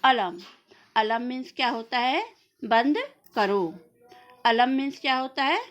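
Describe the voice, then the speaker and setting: A woman teacher, giving a classroom grammar lesson. She asks a question, answers it herself and repeats words slowly for her students. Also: fairly high pitch, a bit bright. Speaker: school teacher.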